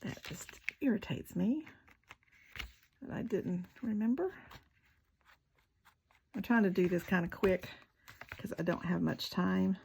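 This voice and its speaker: A woman's voice: mid-range voice, unhurried, creaky, long pauses, darkish tone, a little hiss or hum, rough recording. A woman, talking casually through a craft tutorial, chatty and self-deprecating, with muttered asides while she works. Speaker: craft video maker.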